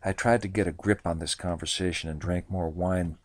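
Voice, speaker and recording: A man's voice: low voice, steady tone, brisk, slight background noise. A man narrating a first-person novel with a wry, sardonic manner.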